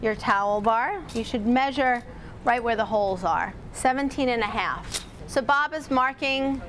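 A chatty woman with a fairly high voice walks a small live audience through household repairs. She talks to them directly and casually, with a faint hum of the room behind her, picked up on a lapel mic. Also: a little slow, a bit bright. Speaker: home repair demonstrator. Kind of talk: live workshop demonstration.

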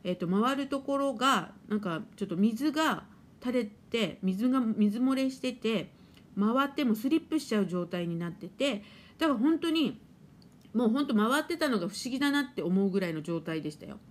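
A woman's voice: a little high, expressive, moderate pace. A middle-aged woman hosting a casual live stream, chatting and laughing as she reads viewer comments and playfully acts out her washing machine. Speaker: live-stream host and spiritual therapist.

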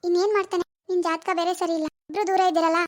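A woman playing a scheming mother-in-law, high-voiced. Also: little pitch movement, racing. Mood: concerned. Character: older mother-in-law, sympathetic but stirring trouble. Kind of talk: amateur family drama acting.

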